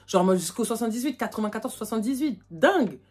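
A young woman from France, telling a casual storytime to her vlog audience in animated, slangy talk full of fillers. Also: fairly high pitch, fast talker, breathy edge. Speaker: vlogger. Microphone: phone.

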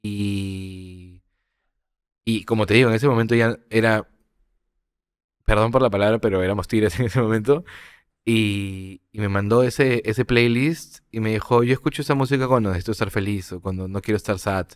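Young guy on a podcast, lowish smooth voice, halting, keeps repeating words while he thinks. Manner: halting and reflective, repeats words as he searches for them. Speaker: podcast guest. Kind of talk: personal storytelling in a podcast conversation.

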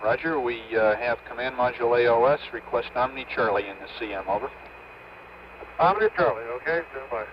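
A man's voice: medium pitch, fairly quick, a crowd in the background. A man talking in terse, clipped mission radio calls over a crackly, breaking-up space radio link. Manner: terse, procedural call-and-answer. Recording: muffled, hissy radio transmission.

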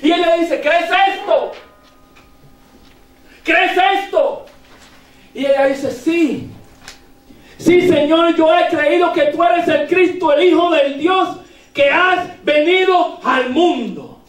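A man preaching a sermon in church, animated, rising to shouts and checking in with the congregation. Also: very high voice, slow. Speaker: pastor. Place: church sanctuary. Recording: echoey church, voice from far off the mic.

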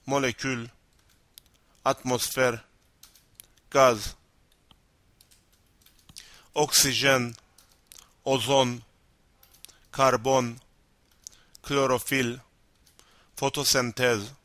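A man with a Turkish accent, a native Turkish speaker teaching vocabulary, reading out word lists one by one and explaining them slowly. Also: mid-range voice, pushed and bright, dry recording. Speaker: language teacher.

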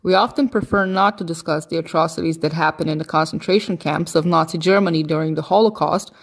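A woman narrating a scripted voice-over introduction to an interview in a measured, earnest way. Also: low voice, creaky, breathy edge.

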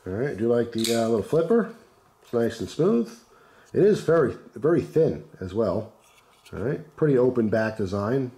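A man with a hoarse, congested voice from the flu, casually reviewing gear in a laid-back, chatty way. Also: mid-range voice, sing-song, normal speed, mellow. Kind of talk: casual unscripted product commentary. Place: indoors at a wooden table.

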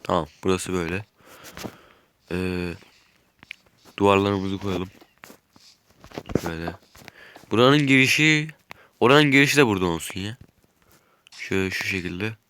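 Low-voiced man with a stuffy nose. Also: measured pace, long pauses, fairly bright tone, slight background noise. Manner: chatty, thinks aloud while building. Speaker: gaming YouTuber. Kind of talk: casual gameplay commentary.

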